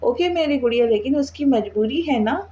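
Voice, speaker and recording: A woman's voice: high voice, expressive, normal speed, lo-fi sound, a little hiss or hum. Woman reading a soothing, tender father. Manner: gentle, coaxing.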